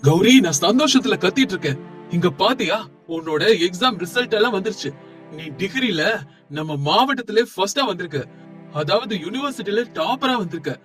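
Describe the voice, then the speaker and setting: A man's voice: high voice, brisk, faint music behind. Man as an eager young village friend. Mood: joyful. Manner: eager, excited, calling out.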